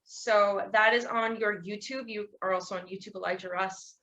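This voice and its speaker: A young woman with a bright, clear tone hosts a relaxed podcast conversation. She rambles through her points, restarts her sentences and laughs easily while complimenting her guest. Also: mid-range voice, moderate pace, lo-fi sound, slight background noise. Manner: rambling, laughs often, warm praise. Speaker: podcast host. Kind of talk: casual interview chat.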